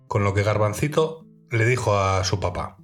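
Calm low-voiced male storyteller. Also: normal speed, soft background music. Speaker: narrator. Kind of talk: children's story narration.

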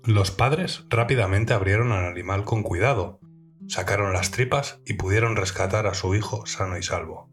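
A man narrating a children's folk tale in a calm, clear storytelling manner. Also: fairly low pitch, normal speed, soft background music.

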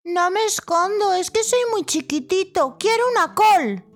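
A woman voicing a tiny, brave little boy in a children's story, with a high, slow, sing-song child voice. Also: lively intonation. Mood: cheerful. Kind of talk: storybook acting.

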